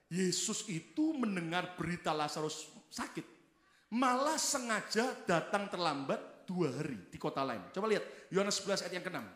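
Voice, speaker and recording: A male pastor preaching a sermon in a church hall, animated and exclaiming, leading the congregation to repeat lines after him. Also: high voice, normal speed. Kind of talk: sermon with call-and-response.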